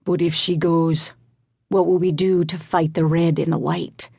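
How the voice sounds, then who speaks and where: A woman's voice: on the low side, little pitch movement, unhurried, gravelly, breathy edge, dry recording, full character voice. A woman doing a kind, worried male Coblin. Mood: concerned. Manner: concerned, gentle. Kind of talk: audiobook narration.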